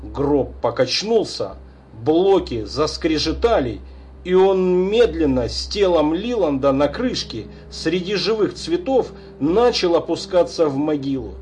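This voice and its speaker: A man narrating an audiobook in a measured, unhurried reading. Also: fairly high pitch, animated, a little mellow, slight background noise. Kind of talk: scripted narration.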